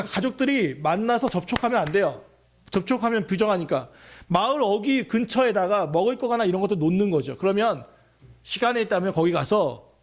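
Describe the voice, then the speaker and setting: A man's voice: high-pitched, creaky. A man preaching a sermon as pastor of a church, talking conversationally and asking his listeners many questions.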